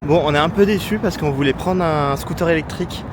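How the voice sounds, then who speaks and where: A man's voice: on the high side, a little fast, loud music behind the voice. A man casually vlogging a city trip outdoors, chatty and hesitant, with lots of fillers and self-mocking asides. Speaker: travel vlogger. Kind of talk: casual travel vlog.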